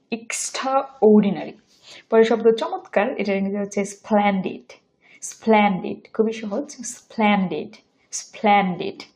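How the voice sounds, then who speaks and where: A young woman teaching English pronunciation, saying each word slowly several times and then explaining in quick asides. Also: medium pitch, mellow. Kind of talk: slow vocabulary lesson, repeating each word.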